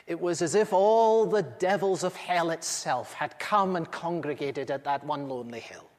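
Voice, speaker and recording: Male actor as an aged apostle eyewitness, slightly high voice, earnest storytelling, reverberant hall. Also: normal speed, lightly acted. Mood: solemn. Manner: earnest, intimate storyteller with dramatic swells. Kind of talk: first-person dramatic monologue. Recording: echoey hall with long reverb.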